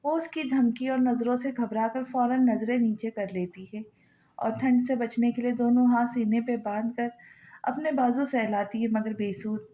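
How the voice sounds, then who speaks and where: A woman narrating a novel in a steady storytelling manner with small slips. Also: on the high side, normal speed, lo-fi sound. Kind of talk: novel reading.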